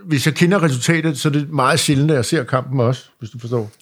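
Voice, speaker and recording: A man's voice: medium pitch, slightly rough. A man in casual podcast conversation, circling hesitantly around his phrasing.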